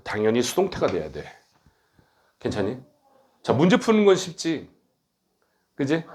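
A middle-aged man directing his academy and teaching a grammar lecture, brisk and blunt, teasing his students and tagging on quick questions. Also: mid-range voice, wildly swooping pitch, darkish tone, a little hiss or hum.

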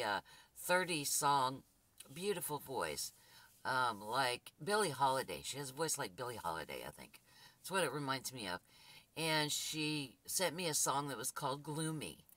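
A woman with a husky, gruff, dark voice, hosting her channel and talking casually to viewers with rambling restarts and fillers. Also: extremely low pitch, dry recording. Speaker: spiritual channel host.

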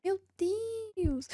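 A young woman with a high voice talks through a spooky game, jumpy and nervous, breaking into squeals and laughter when something startles her. Faint rain and thunder sound behind her voice. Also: a little mellow. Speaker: gaming streamer. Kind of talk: casual let's-play commentary.

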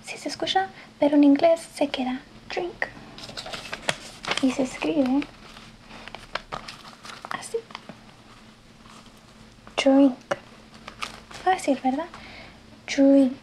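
A woman in a whispered role-play as an English teacher, speaking softly and patiently and slipping between a gentle voice and a whisper. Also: high voice, slight background noise, low-quality recording. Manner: soft-spoken, slow and patient, drifting between soft voice and whisper. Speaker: ASMR creator playing an English teacher.

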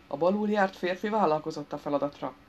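A woman narrating an audiobook in an even, dry storytelling manner. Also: fairly low pitch, a little hiss or hum. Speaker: audiobook reader. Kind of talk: scripted narration. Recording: dull lo-fi recording.

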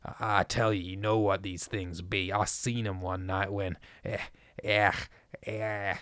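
Guy doing a crazed old salt, rustic drawl, rants and shrieks, kinda low and right up on the mic. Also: flat delivery, unhurried, a bit bright, dry recording, studio quality. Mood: ranting. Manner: rustic old dialect, ranting and shrill. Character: ancient frightened old man, rambling and half-mad.

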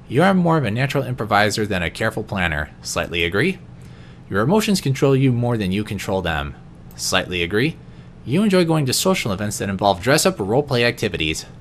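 A man with a low voice reads personality quiz questions aloud in an unscripted video, his pitch rising and falling a lot. He answers each one in a softer, lower tone, with the occasional stumble and restart. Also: slight background noise. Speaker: vlogger.

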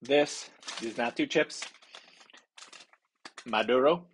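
A man, hosting a casual foodie snack review in a halting way, thinking aloud as he describes flavours. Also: mid-range voice, slight background noise. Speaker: food review host. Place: small indoor home office.

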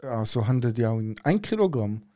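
A man's voice: mid-range voice, very animated, brisk, warm tone. A man with a Swiss German accent, a podcast guest eagerly telling a story in casual chat.

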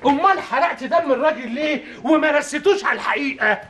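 Brief: an excitable Egyptian theater guy, very high, rattling voice, full of banter. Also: fast talker. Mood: joking. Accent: Egyptian Arabic. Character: restless joking man in a theater office. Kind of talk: TV drama acting.

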